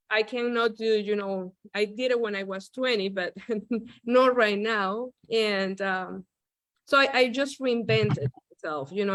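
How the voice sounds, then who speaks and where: A Venezuelan visiting artist chats casually on a video call in a mid-range, slightly bright voice with no room sound. She's hesitant, filling her speech with lots of "you know" and "um."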